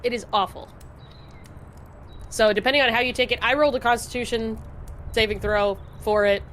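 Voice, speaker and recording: A woman's voice: on the high side, fairly even intonation, normal speed, fairly bright tone, a little hiss or hum. Laughing, foul-mouthed woman game master. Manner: laughs often, loose and profane. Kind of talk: narrating a tabletop game.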